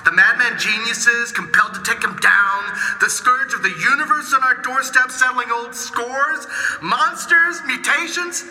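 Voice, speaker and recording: A man's voice: very high-pitched, a little slow, pushed and bright, roomy sound, big-room sound, soft background music, heavily acted, rough recording. An actor playing a bitter, cynical drunk man who mocks and sneers at everyone. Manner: sneering, mocking.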